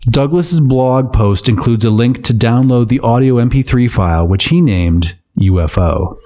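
A man co-hosting a comedy podcast, reading news items aloud and breaking in with sarcastic, deadpan asides. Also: medium pitch, moderate pace. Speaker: podcast co-host.

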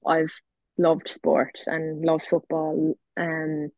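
West of Ireland woman, evenly pitched and modest. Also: completely flat delivery, extremely slow, a little mellow, no echo. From County Clare, west of Ireland. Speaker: guest, Gaelic footballer and athlete. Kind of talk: casual interview chat. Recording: dull lo-fi audio with little room.

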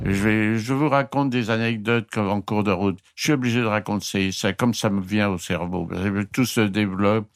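A man's voice: fairly low pitch, normal speed, hardly any pauses. Older man rambling through old anecdotes. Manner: rambling, chuckling, restarts mid-sentence. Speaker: retired flight crew member. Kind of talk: casual anecdote storytelling.

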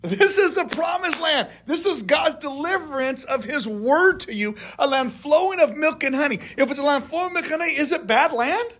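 A man's voice: very high voice, expressive, moderate pace, hardly any pauses, fairly bright tone, slight background noise. A man, a pastor, leading a casual Bible study and firing questions at his group in a conversational way. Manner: conversational, asks and answers his own questions. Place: church classroom.

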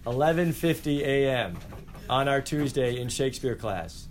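A man teaching a high school class, lively and directing students to act out a scene. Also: normal speed, slight background noise, poor audio.

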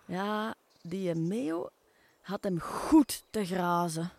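A woman's voice: on the low side, animated, drawn-out words, vocal fry, darkish tone, full character voice. A woman with a Flemish accent playing a chatty, easygoing worm who runs a hotel, in a children's drama. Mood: storytelling. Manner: folksy, chatty, explanatory. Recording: music under the voice.

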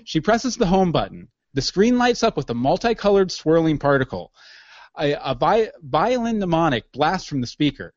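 A man's voice: on the high side, sing-song, moderate pace, dry recording, muffled recording. A man narrating scene directions in a matter-of-fact way for an audio drama.

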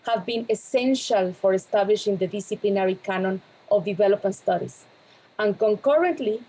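A woman speaking as a lecturer on an online panel, measured and formal. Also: medium pitch, dark tone, breathy edge, low-quality recording. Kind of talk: academic panel talk.

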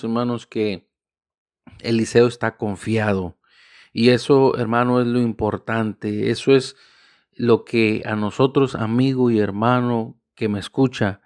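A man preaching a sermon, fervent and punctuating his phrases with praise and calls to his listeners, slowing down to stress key words. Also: lowish voice, darkish tone, no room sound, clean studio sound. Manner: fervent, repeating "aleluya" and "hermano" between phrases.

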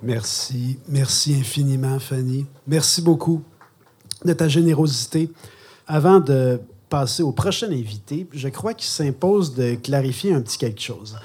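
A man's voice: medium pitch, measured pace, darkish tone, slightly rough. A man hosting a live evening, announcing in a playful, mock-formal way. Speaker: host, master of ceremonies.

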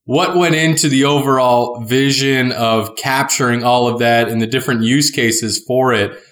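A man hosts an interview podcast, asking questions and affirming his guest's answers. His mid-pitched voice carries a noticeable roomy echo. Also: fairly even intonation, normal speed, fairly bright tone. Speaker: podcast host.

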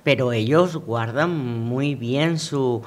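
A man's voice: medium pitch, slow. Venezuelan-born guy cohosting local radio, rambles and stalls on words, easy chat. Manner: rambling, repeats words while searching for them. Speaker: radio co-host.

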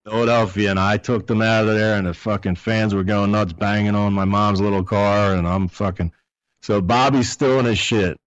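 A man's voice: on the low side, steady tone, normal speed, no room sound, highs cut off. A man in his fifties, a podcast guest, rambling through a profane story in casual talk.

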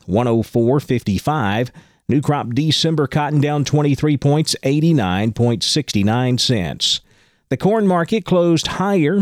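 Man, scripted market news, radio anchor, medium pitch, close dry studio sound. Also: darkish tone, dry recording.

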